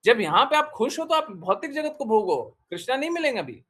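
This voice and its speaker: A spiritual teacher delivers a devotional discourse in a very high, sing-song, slightly bright voice, moving a little fast. Repeated short commands and questions drive his exhortation of the listeners.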